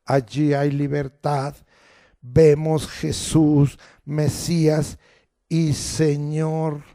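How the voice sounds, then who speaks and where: Slow, emphatic male preacher. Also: fairly high pitch, flat delivery, dark tone. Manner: slow, emphatic preaching, swelling to raised declarations. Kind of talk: sermon.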